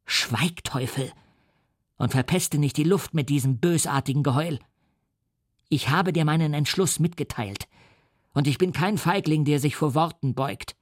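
A male audiobook reader playing a resolute young scientist who speaks forcefully and indignantly. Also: a little high, measured pace, no echo, studio quality. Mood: furious. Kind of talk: audiobook reading.

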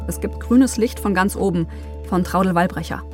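A woman narrating a documentary podcast as its host, in a calm storytelling manner with occasional personal asides. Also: fairly low pitch, moderate pace, faint music behind.

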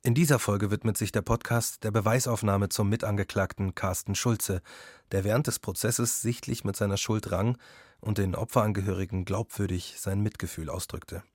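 Podcast host guy, low husky voice, steady scripted intro, dry close sound. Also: moderate pace, no room sound.

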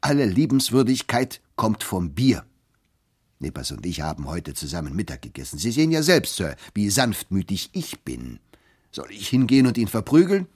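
A man voicing a loud, blustering, quarrelsome middle-aged clerk in a storybook reading who bellows his lines. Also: low-pitched, huge pitch swings, measured pace, few pauses, slightly rough, exaggerated voice. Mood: boastful. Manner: bellowing, boastful.

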